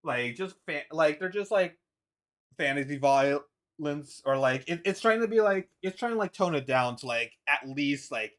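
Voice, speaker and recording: A man's voice: a little high, animated, normal speed. A man chatting casually on a live stream about his comics, rambling with many restarts and fillers and laughing between thoughts.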